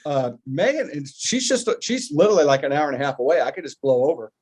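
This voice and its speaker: Fast-talking excited American man. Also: fairly high pitch. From United States. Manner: enthusiastic, jokey, rambling. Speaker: podcast host. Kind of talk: casual chat.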